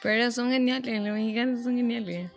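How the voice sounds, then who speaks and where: A woman co-hosting a casual chat show, animated and exclaiming, sometimes drawing out her words. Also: fairly high pitch, a little fast, faint music behind. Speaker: co-host.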